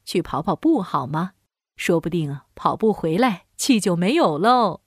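Lady doing a gentle mama pig, low soft voice, lilting. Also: expressive, normal speed, breathy edge, no room sound, clean studio sound. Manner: soft, soothing. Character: gentle mother pig, calm and kind.

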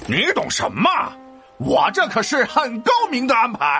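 A man's voice: very high voice, huge pitch swings, normal speed, bright, forceful tone, soft background music, pitched above the performer's own voice, exaggerated voice. A man voicing a pompous, greedy and cowardly army commander who brushes others aside. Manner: pompous, dismissive.

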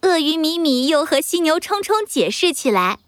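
A woman's voice: high-pitched, big pitch swings, normal speed. A woman narrating a children's story as the storyteller. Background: music.

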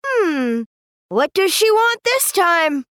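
Woman voicing a very high, aloof magic flounder. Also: big pitch swings, takes it slowly, fairly bright tone, no room sound, clean studio sound, exaggerated voice. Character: magical talking flounder prince, small and aloof.

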